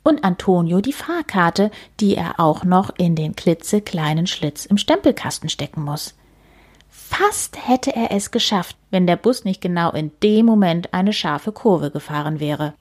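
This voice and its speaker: A woman gently narrating a children's storybook, often near a whisper. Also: fairly low pitch, animated, unhurried.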